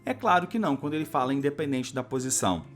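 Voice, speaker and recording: Man teaching grammar, lively pitch. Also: quick pace. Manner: explains step by step, often adds a checking "tá?". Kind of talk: exam-prep grammar lesson. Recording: faint music under the voice.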